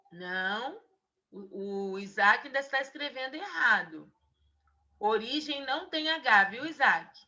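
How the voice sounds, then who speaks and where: Bright-voiced teacher over a dull call. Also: female voice, medium pitch. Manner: patient, drawn-out dictation of single words. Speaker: primary school teacher. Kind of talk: remote spelling lesson for children. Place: home, on a video call. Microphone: video call mic. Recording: dull lo-fi video call audio.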